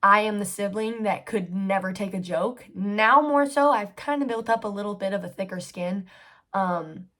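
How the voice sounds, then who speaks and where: Twenty-year-old woman, solo podcast host, candid and chatty, loose with fillers and swearing, middle-pitched voice. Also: normal speed, a bit bright. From United States. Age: 20s. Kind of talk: casual solo podcast storytelling.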